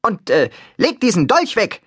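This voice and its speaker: Shrill, wildly swooping stern statue god in an audiobook, haughty and scolding, drawn-out words. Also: male voice, wildly swooping pitch, fairly bright tone, slightly rough, dry recording, clean studio sound, heavily acted. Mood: indignant. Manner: scolding, haughty, clipped outbursts. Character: pompous indignant male Roman god statue, stern. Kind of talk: audiobook character voice.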